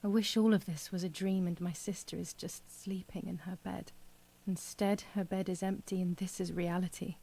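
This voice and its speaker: An actress voicing a young woman grieving her lost twin sister, narrating her thoughts quietly in a game voice-over with a husky, gravelly voice. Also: on the low side, fairly even intonation, moderate pace, low-quality recording. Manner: quiet, reflective inner monologue.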